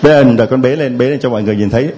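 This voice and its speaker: Male priest, mid pitch, guiding and announcing in a reverberant church. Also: rapid-fire, a little hiss or hum. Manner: gentle, guiding, announcing to the congregation. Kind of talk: leading a Sunday service. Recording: long church reverb, faint ambience.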